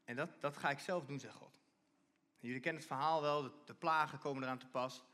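Male preacher, somewhat high voice, animated sermon delivery with restarts. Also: fast. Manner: animated, repeats and restarts, reads scripture aloud.

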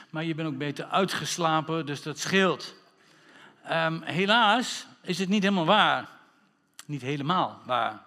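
A man preaching a sermon as pastor, playful with wordplay and calling for amens from the congregation. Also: a little high. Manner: lively, playful wordplay, calls for amen. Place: church hall. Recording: reverberant church hall.

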